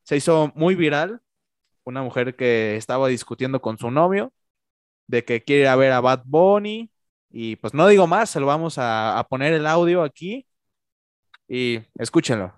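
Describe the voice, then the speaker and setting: A man's voice: mid-range voice, moderate pace, smooth, no room sound, studio quality. A man with a Mexican accent hosting a casual, slangy chat. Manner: slangy, relaxed. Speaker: host.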